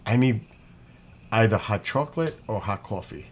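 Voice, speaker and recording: A man's voice: lowish voice, animated, normal speed. A man with a New York accent chatting casually as a livestream host, rambling as he greets commenters and reads out what they write. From New York state, United States. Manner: rambling, chatty, breaks off to read names and comments. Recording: clear background noise, room ambience.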